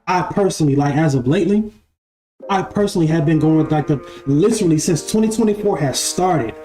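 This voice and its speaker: A man in his twenties speaks in a slightly high, mellow voice, giving a casual spiritual talk as a live-stream host. He repeats his phrases and often asks "right?" The room is echoey, with faint music in the background.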